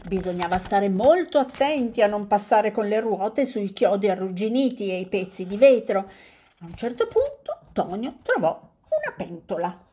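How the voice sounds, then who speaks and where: A woman co-hosting and reading a children's story aloud in an expressive, animated way. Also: medium pitch, moderate pace, slightly rough. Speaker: co-host storyteller.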